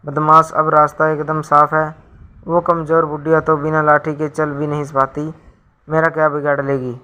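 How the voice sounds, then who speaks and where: A man's voice: on the high side, monotone, moderate pace, bright, forceful tone, smooth. A man voicing a sly, clumsy thief who mutters to himself. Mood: grumbling.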